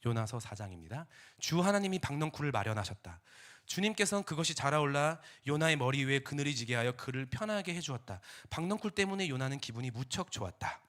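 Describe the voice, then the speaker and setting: A young man preaching a sermon, animated and theatrical, dropping to whispers and rising to shouts as he acts out scenes. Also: medium pitch, fast talker.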